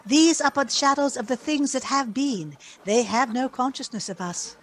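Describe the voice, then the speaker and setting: A woman playing an ageless spirit, gentle yet commanding, with stately, solemn delivery in a radio play. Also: sits high, expressive, moderate pace, slight background noise. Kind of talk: theatrical radio play acting.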